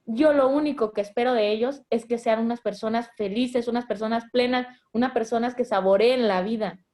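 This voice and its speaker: A woman's voice: fairly high pitch, a little fast, warm tone. A woman, speaking as a mother in a conversation about raising children, earnest and explanatory, often restarting her sentences. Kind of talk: conversational parenting advice.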